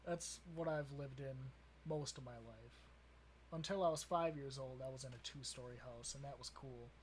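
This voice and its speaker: This podcast co-host is a young Wisconsin man whose casual talk wanders and is full of laughter. He speaks at a moderate pace in a mid-range voice with fairly even intonation, over a slight hiss or hum.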